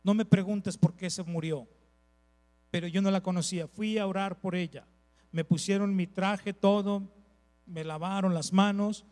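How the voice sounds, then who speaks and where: A man, a pastor preaching a sermon with lively storytelling, repeated phrases and asides to the congregation. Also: high-pitched, normal speed, in a large hall, faint music behind.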